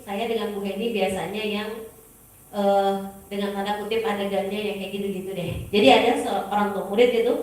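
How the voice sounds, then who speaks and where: A woman school leader giving a teacher training talk, telling stories and acting out the dialogue. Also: medium pitch. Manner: animated storytelling, acting out dialogue. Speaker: school principal speaking to teachers. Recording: very echoey hall, voice from far off.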